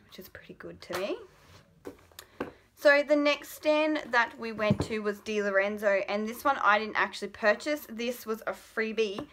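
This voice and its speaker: A woman's voice: medium pitch, pushed and bright. An Australian woman in her late twenties chatting casually about a product haul in her bedroom, rambling with lots of ums. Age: late 20s. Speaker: vlogger. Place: bedroom at home. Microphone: built-in camera mic at arm's length.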